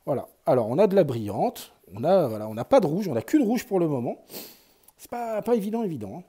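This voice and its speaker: A man's voice: fairly high pitch, very animated, quick pace, warm tone, breathy edge. A man giving casual running commentary as he opens sticker packs, chatty and thinking aloud. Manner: chatty, thinks aloud, lots of fillers and sighs. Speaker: YouTuber opening sticker packs.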